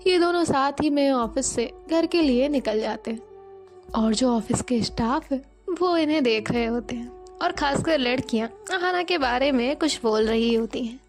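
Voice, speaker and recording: A woman narrates a romance story in a loose, chatty way, leaning on the same fillers again and again. Her voice sits a bit high, with soft music running behind her.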